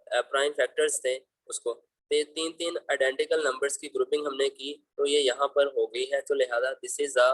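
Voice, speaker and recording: On the high side, this man's voice explains math problems over slides, taking students through each one step by step. He is patient and paternal, fondly using "beta" for his students. The low-quality recording has no room sound.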